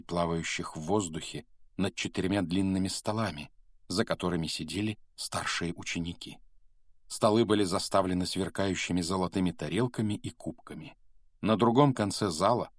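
A man narrating a fantasy audiobook in a measured storytelling way. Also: low voice, no echo, studio quality. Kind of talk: scripted narration.

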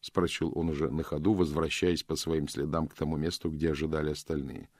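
A man narrating a detective story as an audiobook in an expressive storytelling way. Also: extremely low pitch, a little fast, dry recording, studio quality. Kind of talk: audiobook reading.

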